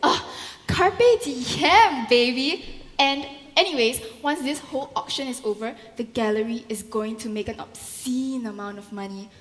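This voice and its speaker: Woman playing an earnest high-voiced young heiress. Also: a little slow, a bit bright. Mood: upbeat. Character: earnest, eager young rich gallery daughter. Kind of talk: theatrical stage acting. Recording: echoey hall.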